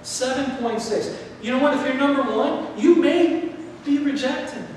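A middle-aged man preaching a sermon in a church, animated, acting out what people think. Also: very high voice, unhurried, a little hiss or hum. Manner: animated, gesturing while preaching, acts out quoted thoughts. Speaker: pastor. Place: church sanctuary, indoors. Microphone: far camera, no mic worn. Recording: echoey hall from far off.

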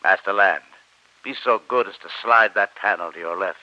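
A man playing a commanding, cultured and coolly menacing submarine captain in old-time radio style, formal and measured. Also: deep voice, lightly acted. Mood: courteous, commanding. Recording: muffled, hissy old radio recording.

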